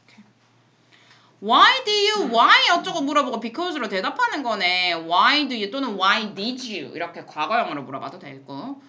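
Lively bright-voiced woman teaching English. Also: fairly high pitch. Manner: mixes Korean explanations with slow English example sentences; blunt, playful scolding asides. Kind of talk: classroom lesson explaining English phrases. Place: classroom.

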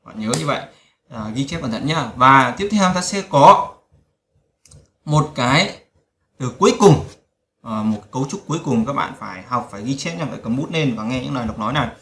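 In this language lesson, a male English teacher repeats phrases and constantly tells listeners to remember them. His mid-range voice is animated and fairly bright, his speed normal, and the room gives the sound an echo.

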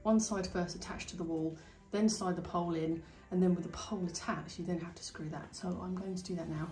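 Working in the hallway and up the stairs of her home, a UK DIY renovation vlogger talks briskly in a fairly low, slightly mellow voice with fairly even intonation. She keeps it chatty, thinking aloud as a handheld phone or camera captures her hands in this casual tutorial.

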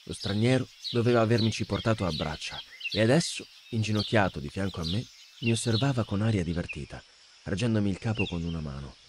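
A man narrating a fantasy novel as an audiobook, reading in an expressive, dramatic way. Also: lowish voice, fast, noisy background. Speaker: audiobook reader.

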